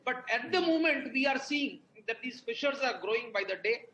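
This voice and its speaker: A man's voice: extremely high pitch, animated, normal speed, sharp tone. A man with an Indian accent giving analytical commentary as a guest on a news programme. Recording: echoey room sound.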